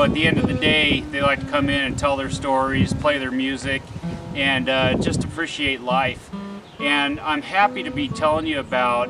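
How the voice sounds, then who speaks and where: A man's voice: medium pitch, gravelly. A man giving an informal promotional introduction as presenter, chatty and upbeat. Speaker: presenter, real estate agent. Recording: distant mic, music behind. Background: music.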